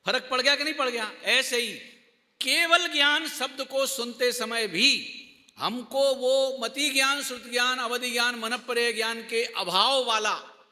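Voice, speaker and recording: A man's voice: very high voice, bright, forceful tone. A man giving a religious discourse to a class as a Jain teacher. He keeps asking his listeners questions and repeats key words for emphasis. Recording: long hall reverb.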